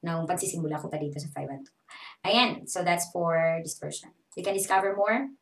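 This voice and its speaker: Filipino teacher lady chatting thru a tutorial, lowish voice, roomy echo. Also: normal speed. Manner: chatty, switches between English and Tagalog. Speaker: online English teacher. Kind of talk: casual tutorial vlog. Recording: echoey room.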